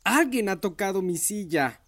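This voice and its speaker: A man's voice: high-pitched, animated, moderate pace, pitched above the performer's own voice. A man doing a growling, cross mama bear. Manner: growling, a bit less loud.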